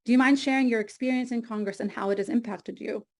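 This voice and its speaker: A woman's voice: a little high, steady tone, fast talker. A woman moderating an online meeting, reading formal introductions of panelists from a script over a video call. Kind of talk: read introductions. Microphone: computer mic on a video call.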